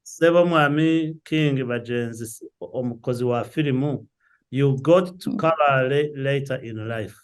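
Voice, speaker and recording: A man interviewing a filmmaker, asking his questions slowly and deliberately. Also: medium pitch, smooth.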